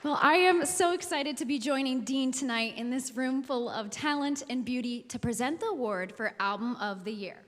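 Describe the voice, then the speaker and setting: A woman presenting an award on stage, bubbly and lively as she reads the winner. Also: sits high, moderate pace, few pauses, a faint crowd. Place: large event hall stage. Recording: reverberant hall with music.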